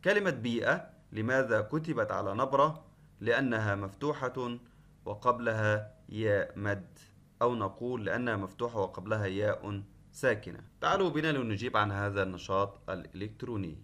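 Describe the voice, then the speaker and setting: A man's voice: on the low side, fairly quick, a bit bright. A man teaching an online class lesson, patient, explaining step by step and repeating key points. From Qatar. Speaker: Arabic teacher.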